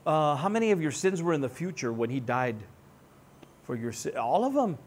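A man's voice: a little high, sing-song, moderate pace. An American man preaching a sermon as pastor, conversational and joking, often putting questions to his congregation.

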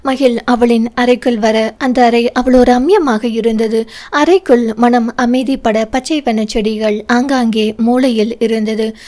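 A woman reads a romantic audio novel aloud in a steady storytelling manner. Her voice sits a little high for a woman. She narrates the scenes between the characters' lines. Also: unhurried. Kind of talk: scripted narration.

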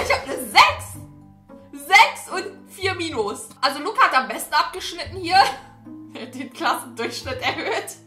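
A woman hosting a gaming video, giving excitable commentary and shrieking and laughing when she is scared. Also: high-pitched. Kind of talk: game commentary. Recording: roomy sound with faint game music.

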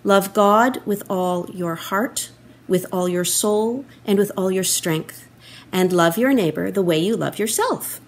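A woman doing a slow, measured questioning lawyer. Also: mid-range voice, slight background noise, close to an everyday voice. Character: adult male lawyer, questioning.

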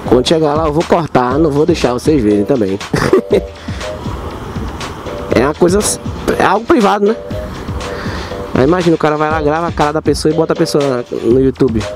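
A high-voiced man with a Pernambuco accent chats casually while riding his motorbike outdoors. His throat sounds sore and inflamed, like swollen tonsils, and music plays behind him. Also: lively intonation, a little fast, pauses often. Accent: Northeastern Brazilian, Pernambuco. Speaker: motorcycle delivery rider and vlogger. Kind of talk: casual motovlog chat. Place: outdoors, riding a motorbike through city streets.

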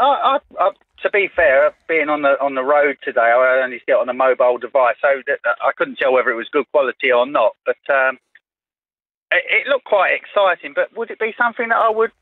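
A man's voice: a little high, no room sound. A hesitant, plain-spoken man in his forties, a cab driver, joins a radio show by phone. His slightly raised voice sounds thin and tinny over the line. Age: 40s. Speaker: taxi driver caller. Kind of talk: radio discussion guest.

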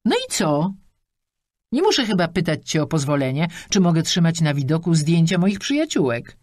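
A woman reading an audiobook and voicing a sharp-tongued, bossy old woman who talks loudly and teasingly. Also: a little high, huge pitch swings, a little slow, dry recording, studio quality, pitched above the performer's own voice. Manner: loud, teasing, commanding.

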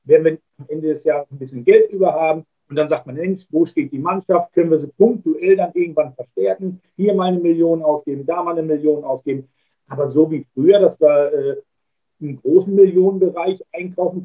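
A man's voice: a little high, brisk. A man talking as a guest pundit over a poor internet stream, explaining earnestly with many hesitations. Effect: poor internet stream audio. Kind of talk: remote talk show discussion. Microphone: remote call mic. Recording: lo-fi muffled online call.

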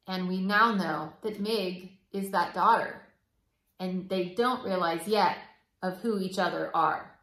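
A woman reading a children's novel aloud, steady and clear. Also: on the low side, slow pace. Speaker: reader. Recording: roomy echo.

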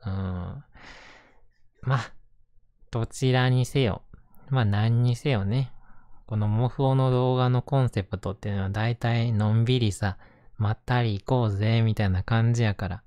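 A man with a Kansai accent talking gently and casually in a reassuring, intimate ASMR bedtime style, close to the microphone. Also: mid-range voice, fairly even intonation, moderate pace, no echo. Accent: Kansai Japanese. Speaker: host reading bedtime picture books to listener.

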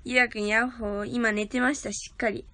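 A woman's voice: on the high side, little pitch movement, a little fast, pushed and bright, a little hiss or hum. A young woman livestreaming from her grandmother's house on her phone, chatting casually with viewers and thanking them for gifts. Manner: chatty, thanks viewers for gifts, talks of herself as a big sister.

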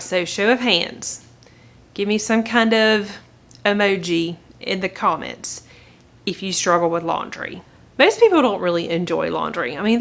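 A woman's voice: lowish voice, fairly bright tone. A woman, hosting a chatty home-routine vlog from her living room sofa and encouraging viewers directly. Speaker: vlogger, channel host. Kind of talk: upbeat home-organizing vlog.

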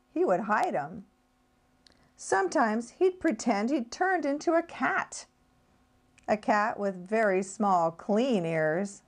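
Picture-book reader, woman, slow and melodic, fairly high voice. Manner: expressive, sing-song storytelling. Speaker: speech-language pathologist reading aloud. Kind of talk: children's picture-book read-aloud.

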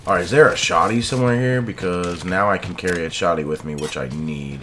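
A man's voice: deep voice, a little fast, a bit bright, a little hiss or hum. A middle-aged man giving casual, slangy live commentary as he streams a video game. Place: indoor streaming room.

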